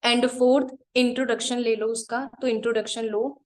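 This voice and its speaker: A woman trainer teaching a live online class, giving direct instructions and repeating her points slowly so students can write them down. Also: a little high, level tone.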